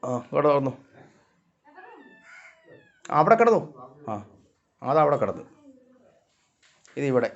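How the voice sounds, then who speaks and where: A man's voice: medium pitch, measured pace, creaky, pauses often, highs cut off. A man, vlogging in casual talk as he coaxes and calls out to his cats outdoors at home. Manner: coaxing, calls out loudly to the cats.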